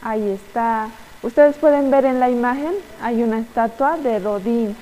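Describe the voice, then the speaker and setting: A young woman, teaching children and telling a story in a halting way, with many fillers and tag questions. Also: a little high, warm tone, big-room sound, low-quality recording. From Bolivia. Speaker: children's Sunday school teacher.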